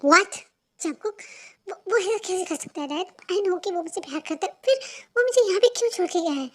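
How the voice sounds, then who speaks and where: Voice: extremely high pitch, lively intonation, a little fast. A reader voicing a headstrong young woman who pleads with her father, in an amateur voiced fan story. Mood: pleading. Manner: pleading then shouting.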